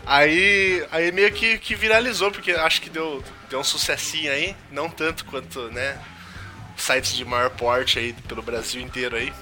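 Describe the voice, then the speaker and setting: Bright, brash young Brazilian man. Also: on the high side, moderate pace, faint music behind. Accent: Brazilian Portuguese. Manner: swears a lot, jokey, loud outbursts. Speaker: podcast co-host, game reviewer. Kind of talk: casual podcast chat.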